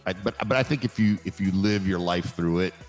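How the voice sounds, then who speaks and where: A man's voice: sits low, fairly quick, soft background music. A man hosting a podcast, chatting loosely and swearing casually as he asks questions. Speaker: podcast host.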